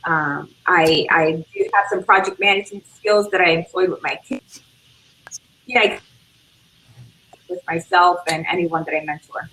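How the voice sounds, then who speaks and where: Bright-voiced, hesitant middle-aged woman. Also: on the low side, expressive, measured pace, long pauses, poor audio. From Puerto Rico. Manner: thoughtful, hesitant, many "um"s. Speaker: panelist. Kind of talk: casual panel discussion.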